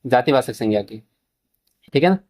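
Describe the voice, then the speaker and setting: A man's voice: medium pitch, expressive, moderate pace, darkish tone. A man teaching an exam-prep grammar lesson, asking the children questions, answering them himself and mixing in English terms. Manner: addresses students as children, mixes English terms into Hindi.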